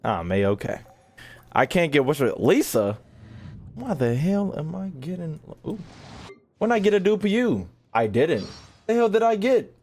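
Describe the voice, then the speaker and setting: A video game streamer with a fairly high, darkish voice talks casually to his chat while he plays, a little slowly but very animated. He's slangy and profane, putting on mock exasperation.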